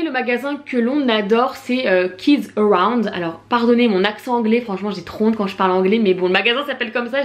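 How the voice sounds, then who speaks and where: A young woman with a French accent chatting casually in a shopping haul vlog, full of slang, fillers and lively asides. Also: medium pitch. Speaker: vlogger.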